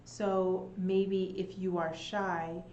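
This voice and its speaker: Woman teacher talking real slow and patient, roomy echo, kinda dull muffled sound. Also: fairly low pitch, little pitch movement, a little mellow. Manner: slow, patient explaining with examples. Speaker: English teacher. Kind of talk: live online lesson. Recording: echoey, dull room sound with faint noise.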